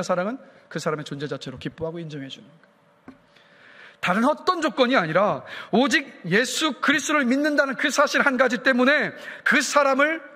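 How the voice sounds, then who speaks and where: A man's voice: sits high, sharp tone. Pastor guy from chungcheong preaching, keeps asking the congregation questions, big echoey church hall. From South Korea, Chungcheong region. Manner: fires rhetorical questions at the congregation, rising to emphatic peaks. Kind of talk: sermon. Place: church sanctuary. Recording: long reverb of a church hall.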